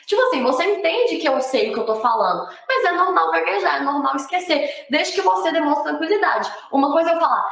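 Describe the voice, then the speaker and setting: Brief: woman teacher, lively and demonstrative, high voice, distant in a very echoey room. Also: fast, vocal fry, hardly any pauses. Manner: lively, demonstrates by changing her own delivery. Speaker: teacher giving presentation tips. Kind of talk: instructional talk in a played video.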